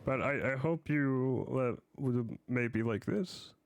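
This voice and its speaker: A man streaming a game in casual chat, easygoing, halting and apologetic. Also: mid-range voice, gravelly, no room sound.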